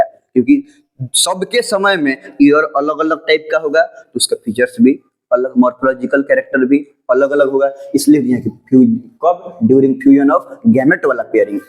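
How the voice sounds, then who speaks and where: A man with a fairly high voice gives an informal classroom lecture. He asks his students rhetorical questions and repeats phrases as he explains. English textbook lines come out slow and deliberate. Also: rough recording. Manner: mixes English textbook lines into his speech, read slowly. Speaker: teacher.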